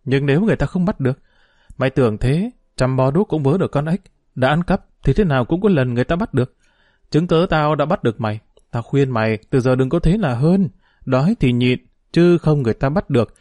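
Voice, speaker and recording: A man's voice: mid-range voice, expressive, brisk, darkish tone, dry recording, lightly acted. A man voicing an earnest, principled poor boy in an audiobook, talking in an advising way.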